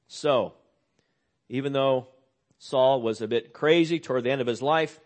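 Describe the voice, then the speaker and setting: An older man preaching a sermon in an earnest storytelling way. His voice sits at an ordinary middle pitch, sinking low and soft when he tells of loss and lifting when he stresses a point. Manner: earnest storytelling, drops low and quiet on sad news, rises on emphasis. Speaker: pastor.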